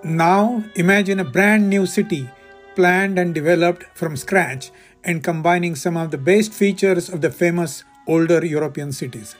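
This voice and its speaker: A man hosting a travel podcast, reading scripted narration in a measured, deliberate way. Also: high-pitched. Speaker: podcast host.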